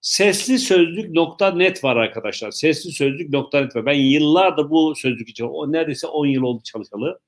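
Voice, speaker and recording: This male English teacher, streaming a lesson live, takes his explanations slowly and repeats himself often. He plays with viewers' questions in a joking way, and his slightly high voice stays animated.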